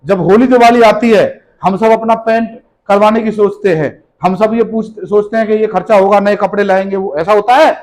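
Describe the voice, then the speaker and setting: On a low-quality recording, a high-pitched, slightly mellow man talks at a moderate pace with hardly any pauses. He's a motivational business speaker in front of a live seminar audience, firing rhetorical questions, scolding, and repeating key phrases for emphasis.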